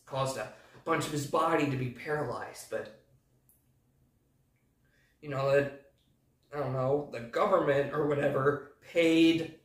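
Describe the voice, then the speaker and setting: A man hosting a casual movie recap who rambles and hesitates, full of fillers. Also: mid-range voice. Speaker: movie review host. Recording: echoey room, distant mic.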